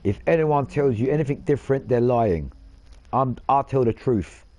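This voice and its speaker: A man with a dark, mellow voice talks casually over his racing gameplay. He rambles, restarts his sentences and drops the odd swear word. His tone is boastful, and his pitch sits at an ordinary middle. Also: moderate pace, dry recording. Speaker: gaming channel host. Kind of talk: casual gaming commentary.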